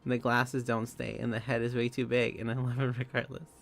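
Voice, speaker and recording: A man's voice: mid-range voice, flat delivery, brisk, gravelly. A young man streaming live, chatting casually with viewers, giggling often and rambling through restarts.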